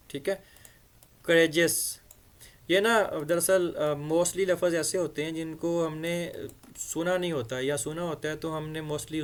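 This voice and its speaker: A man from Pakistan teaching English through a story, reading each phrase slowly and explaining it in Urdu, often repeating words to drill their pronunciation. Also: a little high. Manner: reads English phrases slowly, then explains them at length.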